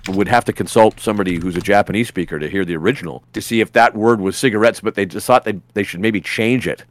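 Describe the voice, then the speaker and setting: A man who works as a voice actor tells rambling anecdotes as a guest in a casual podcast interview, packed with restarts and fillers. His voice is lowish and he talks fast.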